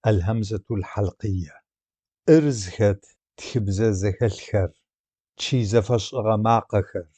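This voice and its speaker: Male teacher, lowish voice, dry close sound, slow careful letter-by-letter delivery. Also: mellow, slightly rough, no echo. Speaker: language teacher. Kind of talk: grammar lesson narration.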